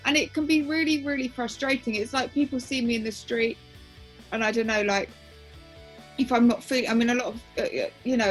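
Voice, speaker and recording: A woman's voice: on the high side, low-quality recording. A woman in her twenties telling her own story frankly as an interview guest, with many restarts. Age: 20s.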